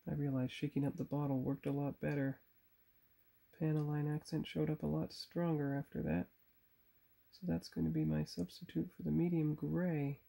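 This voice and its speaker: With a fairly high pitch, a dark tone and some vocal fry, a man talks at a moderate pace. He builds models and runs a channel, and here he paints at his workbench while chatting to viewers, correcting himself as he thinks aloud. It's shot on a phone camera set on a tripod.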